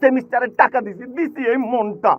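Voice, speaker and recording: Fast high-voiced man with a Barishal accent. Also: muffled recording. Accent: Barishal Bengali. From Barishal, Bangladesh. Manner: rhyming, boastful, ranting. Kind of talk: comedic rap and sketch acting.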